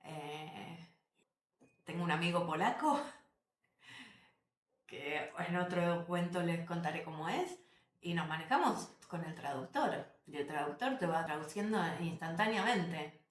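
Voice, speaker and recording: A woman, telling travel stories to camera as a vlogger, animated and emphatic, repeating phrases and addressing viewers directly. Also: fairly low pitch, measured pace. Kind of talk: casual storytelling to camera. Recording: roomy echo.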